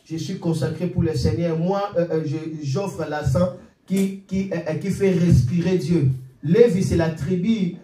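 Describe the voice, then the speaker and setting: A man around forty preaches with a high, ringing voice, calling out alleluia and amen between points. He sounds set back from the mic, and the church room echoes around him. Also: unhurried, recorded from a distance, faint music behind. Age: 40s. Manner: animated preaching with frequent alleluias and amens. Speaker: pastor. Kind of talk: sermon. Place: church hall.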